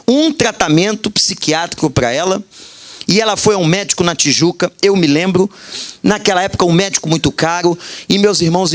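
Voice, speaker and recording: A male pastor from Brazil with a Brazilian Portuguese accent, preaching a sermon and telling a story with lively acted-out quotes. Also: high voice. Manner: animated storytelling preacher, acting out quoted voices.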